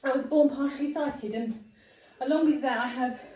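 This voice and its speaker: A woman's voice: sits high, moderate pace, mellow. Woman, from the UK, slightly out of breath, chatty, echoey room, distant mic. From United Kingdom. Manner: chatty, talks while exercising. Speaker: fitness vlogger. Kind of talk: casual talk during a home workout. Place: home room.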